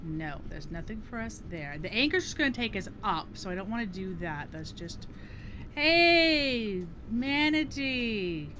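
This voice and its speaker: A woman's voice: on the low side, lively intonation, brisk, hardly any pauses, a bit bright, slight background noise. A woman giving casual live commentary as she plays through a game. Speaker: game streamer.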